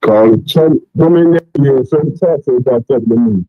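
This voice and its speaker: Muffled, husky man on a phone line. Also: medium pitch, normal speed. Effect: muffled phone voice, as if heard through a door. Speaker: call-in guest, dog breeder. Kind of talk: casual call-in chat.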